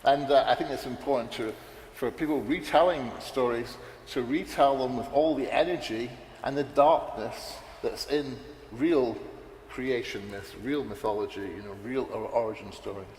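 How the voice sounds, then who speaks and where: Mellow and mid-range, this man's voice moves at normal speed as he offers rambling, unscripted panel comments full of fillers and restarts. The recording echoes with the large hall's reverb, and faint noise is audible.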